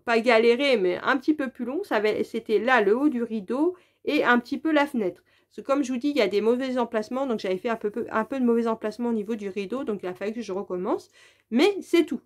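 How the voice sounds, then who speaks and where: A woman reviewing jigsaw puzzles in a casual vlog, chatty and hesitant with frequent fillers and restarts. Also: a little high. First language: French. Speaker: puzzle vlogger.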